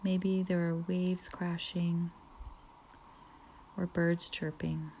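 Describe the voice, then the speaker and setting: A woman leading a guided relaxation meditation, speaking softly with frequent whispered phrases and long pauses. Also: on the low side, flat delivery, slight background noise. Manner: slow, soft, partly whispered, soothing pauses.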